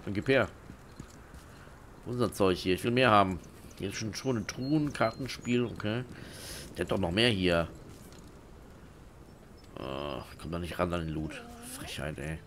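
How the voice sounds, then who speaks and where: A man's voice: sits low, a little slow, pauses often, a bit bright, slight background noise. A man giving casual let's play commentary, with dry, joking asides to his viewers.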